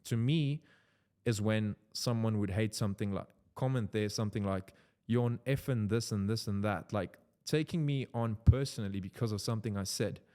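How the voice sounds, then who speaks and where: A young Afrikaans-speaking man from South Africa talks in English with his native accent in a loose, unscripted vlog, dropping "like" constantly. His voice is lowish and dark, at normal speed.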